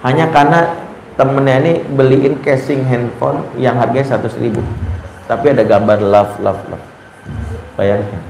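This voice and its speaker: A man preaches about parenting and acts out conversations in quoted voices as he tells his stories. His pitch is mid-range for a man. The room is echoey, with faint ambient noise behind him. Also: normal speed. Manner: lively storytelling, acts out dialogue in quoted voices. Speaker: Islamic preacher. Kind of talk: religious parenting talk.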